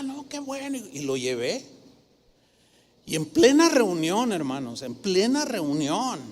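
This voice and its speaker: An older male pastor preaches in a lively storytelling sermon, lending voices to the people he tells about. His voice sits high for a man and carries a long echo through a church hall. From Mexico. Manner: animated, acts out voices in his stories. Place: church service.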